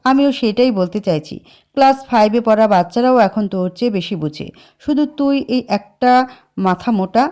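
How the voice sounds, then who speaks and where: A woman's voice: fairly high pitch, expressive, moderate pace, mellow, lightly acted. Woman doing a bossy hot-tempered young man. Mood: scolding. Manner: bossy, scolding. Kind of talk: dramatized story reading.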